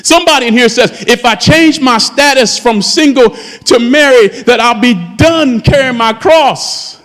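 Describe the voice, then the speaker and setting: Long church reverb surrounds a man in his fifties as he preaches a sermon in the sanctuary, fervently calling out to his congregation as pastor. His voice is very high-pitched and a bit bright, delivered at a measured pace.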